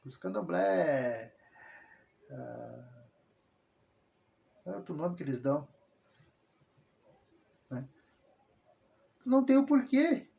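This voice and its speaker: Heard through a dull lo-fi recording, this man rambles through a casual personal monologue, peppered with tag questions and self-corrections. His voice is on the high side and gravelly with a dark tone, swinging widely in pitch, drawing out words, and leaving long pauses. He hosts religious videos and comes from southern Brazil.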